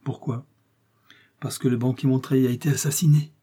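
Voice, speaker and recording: A man voicing a sympathetic woman fortune-teller who questions gently, read as an audiobook story. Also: mid-range voice, steady tone, normal speed, slightly rough, natural voice.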